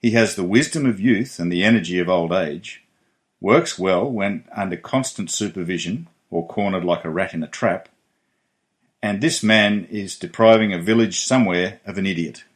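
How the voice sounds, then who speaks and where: Man as hapless office man, deadpan, matter-of-fact, lowish voice, comic radio sketch. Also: moderate pace, lightly acted.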